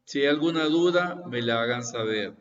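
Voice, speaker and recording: A man's voice: mid-range voice, expressive, normal speed. A man in his sixties, a university lecturer, opening an online class with repetitive explanations and frequent checks that students follow. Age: 60s. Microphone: video call. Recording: distant, roomy, dull video-call audio.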